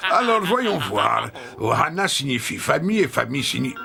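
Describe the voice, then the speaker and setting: A man voicing an unhinged, pompous alien villain in a cartoon, declaiming theatrically with a gravelly voice. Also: medium pitch, big pitch swings, normal speed, crowd noise. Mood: pompous, gleeful. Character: unhinged, grandiose alien villain, theatrical self-proclaimed evil genius. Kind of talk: French cartoon voice acting.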